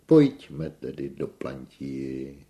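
Man voicing a pompous male opera tenor, loud, theatrical, gravelly edge. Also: very deep voice, big pitch swings, heavily acted. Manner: loud, theatrical and self-important. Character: flamboyant vain male opera tenor, grand.

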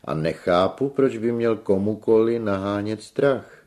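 A man reading a story aloud, voicing a flamboyant, self-important male opera singer in a loud, theatrical way. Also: fairly low pitch, voice pushed up, natural voice. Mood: pompous. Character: flamboyant vain male opera tenor, grand.

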